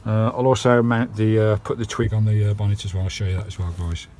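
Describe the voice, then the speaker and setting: A fast-talking man with a lowish, darkish voice and flat delivery speaks over slight background noise. The English-accented vlogger chats matily and colloquially to viewers while fitting a radio in and around his parked campervan, recorded on a handheld camera microphone.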